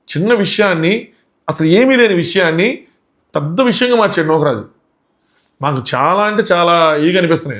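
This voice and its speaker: Guy ranting fast about a reality show episode, lots of why-would-you questions, kinda high voice. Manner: indignant, full of rhetorical questions. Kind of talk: casual video commentary.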